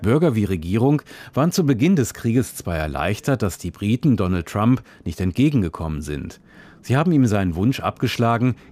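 A male reporter narrates a scripted radio report with a fairly low voice. His delivery is measured and descriptive, laying out scenes and background in an even flow.

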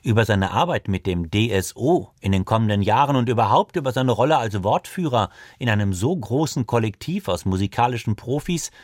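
A male radio presenter reading a scripted feature in a measured, precise way. He is recorded close and dry in a studio, with no room sound. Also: fairly low pitch, expressive, no room sound.

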